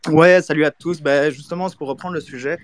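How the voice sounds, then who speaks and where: A man's voice: a little high, fairly even intonation, brisk. A man calling in to a chat, casually recounting his experience in short, piecemeal phrases. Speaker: caller. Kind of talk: casual account of a problem.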